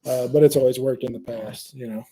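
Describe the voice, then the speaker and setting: A man, hosting a fishing channel and telling a lively fishing story in casual chat. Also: medium pitch, fairly quick, crowd noise. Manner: animated storyteller, Southern y'all, laughs at own jokes.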